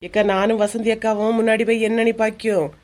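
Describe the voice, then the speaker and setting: A woman voicing a hurried middle-aged aunt in a cartoon, brisk and instructing, with a Kanyakumari Tamil accent. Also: fairly high pitch, level tone, darkish tone, pitched below the performer's own voice, natural voice.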